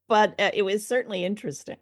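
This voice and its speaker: A woman co-hosting a podcast, leading the chat with lively, curious questions about an old radio play. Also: mid-range voice, brisk, dry recording, clean studio sound. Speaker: podcast co-host. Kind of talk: casual review discussion.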